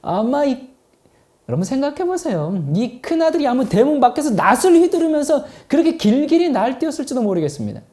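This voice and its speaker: A man's voice: extremely high pitch, very animated, fast talker, few pauses, mellow. A male pastor preaching a sermon, telling the story dramatically and often turning to the congregation.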